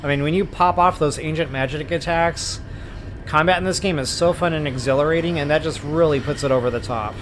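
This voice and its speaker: This walkthrough host talks fairly quickly in a somewhat high voice, his gameplay commentary loose and full of slang. Background noise is audible throughout.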